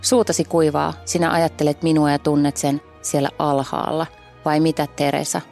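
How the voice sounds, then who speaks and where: A woman with a low voice and a gravelly, fry-tinged edge. She talks as a podcast guest, thinking out loud and searching for her words. She reads passages aloud and unpacks them in a relaxed, casual chat. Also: faint music behind. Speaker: guest journalist.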